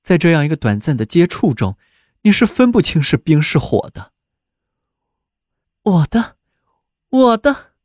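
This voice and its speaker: A man narrates a fairy tale in an expressive storybook manner. His voice sits a little high, and his pitch rises and falls a great deal. The recording is dry and close, with no room sound. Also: a little fast, no room sound.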